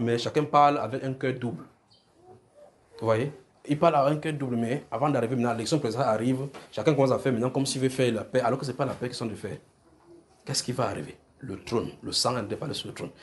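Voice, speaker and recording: Delivering prophetic visions off the cuff to his congregation, this man speaks with a Francophone African accent in a medium-pitched voice, repeating phrases and making sure his listeners keep up. There's slight background noise.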